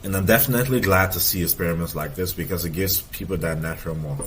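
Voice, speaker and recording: A man's voice: low voice, quick pace, fairly bright tone, a little hiss or hum. A man in his thirties, a fitness coach, giving casual, emphatic reaction commentary and repeating points for stress. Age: 30s.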